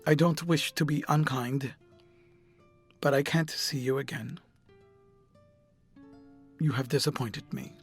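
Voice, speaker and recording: A man playing a cold, disdainful young gentleman in an audiobook, clipped and contemptuous. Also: mid-range voice, very slow, pauses often, husky, soft background music, exaggerated voice.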